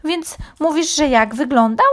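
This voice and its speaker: A woman's voice: fairly high pitch, very animated, normal speed, voice pushed up. A woman voicing a curious, effusive female cow in a children's story.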